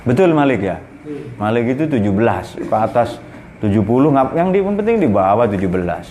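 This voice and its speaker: A man's voice: mid-range voice, very animated, brisk, mellow, slight background noise. A man in his forties giving a casual, joking religious lecture at a boarding school, with many fillers. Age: 40s.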